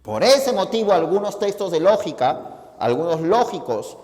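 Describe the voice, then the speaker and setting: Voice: medium pitch, sing-song, normal speed, darkish tone, big-room sound. A teacher giving a logic lesson, explaining each step and often checking that the students follow. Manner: addresses listeners informally, pointing at the board.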